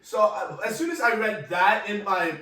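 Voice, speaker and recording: High-voiced young man, halting, echoey. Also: animated, bright, forceful tone, a little hiss or hum. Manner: halting, restarts often, chuckles. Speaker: podcast co-host. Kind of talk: casual storytelling chat. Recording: echoey room, distant mic.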